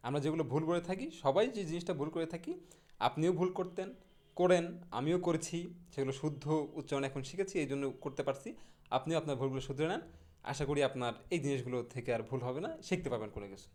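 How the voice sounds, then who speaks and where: A man teaching English pronunciation in a casual video lesson, repeating each word slowly several times. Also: on the high side, darkish tone. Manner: repeats model words slowly and drills them.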